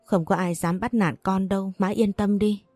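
A woman voicing a young daughter who calmly and firmly persuades her mother. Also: mid-range voice, moderate pace, no echo, soft background music, natural voice. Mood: persuasive. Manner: calm, firm, persuasive. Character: young daughter, resolute and self-sacrificing.

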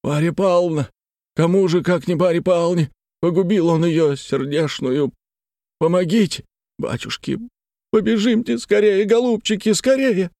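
A man's voice: sits high, normal speed, dark tone, dry recording, clean studio sound, pitched above the performer's own voice. A man voicing a panicked, disheveled man who speaks in a breathless, gasping voice. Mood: frantic panic.

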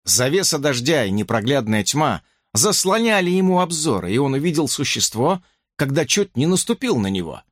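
A man narrating a horror audiobook with an expressive, dramatic reading. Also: mid-range voice, moderate pace, no echo, studio quality.

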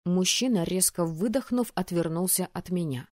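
A woman reading a fantasy audiobook aloud in the first person, telling the story in an even, composed way. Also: on the low side, normal speed, no room sound, clean studio sound. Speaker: audiobook narrator.

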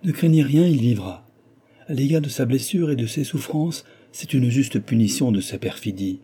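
A man's voice: medium pitch, lively intonation, normal speed, dark tone, breathy edge. A man voicing a distressed young heiress, breathless and pleading in a tender storybook scene. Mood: urgent.

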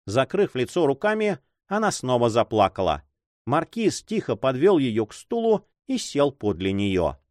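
A man reading a novel aloud in expressive scripted narration. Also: medium pitch, measured pace, no room sound, studio quality. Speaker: audiobook reader.

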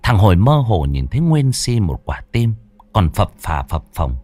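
A man narrating a scripted ghost story with dramatic, drawn-out slowdowns. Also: fairly low pitch, big pitch swings, dark tone, dry recording, soft background music.

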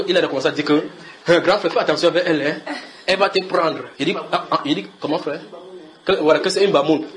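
A man preaching at a house church gathering, telling a story in an animated way and calling out to his listeners. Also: a little high. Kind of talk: sermon.

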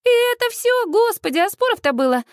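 A woman doing a shrill excitable cheering friend. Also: fast talker, no echo, studio quality. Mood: scoffing.

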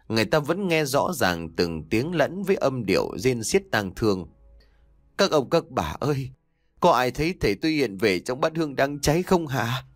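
A man narrating a spooky village tale, telling it in a dramatic, expressive storytelling manner. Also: mid-range voice, dry recording, clean studio sound. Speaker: audiobook narrator. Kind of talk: scripted horror story narration.

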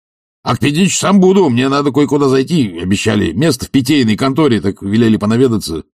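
A man's voice: medium pitch, very animated, quick pace, dry recording. A man voicing a brash, pushy middle-aged sponger who scolds and bosses his friend, read in a dry, close recording. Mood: bossy. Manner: loud, bossy, scolding. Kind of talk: audiobook character reading.

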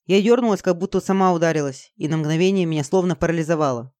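Mid-pitched audiobook narrator, dry sound. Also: fast talker, warm tone, no echo.

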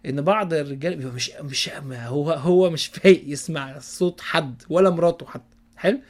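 A man preaching in casual Egyptian Arabic who gives folksy advice and checks in with his listeners, now and then dropping to a hushed voice. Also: on the high side, brisk. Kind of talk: casual religious advice talk.

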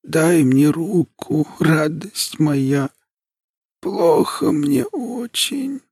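A man voicing a feverish, frail old grandmother who pleads slowly in a weak, wheezing voice. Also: on the high side, big pitch swings, darkish tone, breathy edge, no room sound, studio quality, pitched above the performer's own voice, heavily acted. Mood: feeble, pleading. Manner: slow drawn-out pleading.

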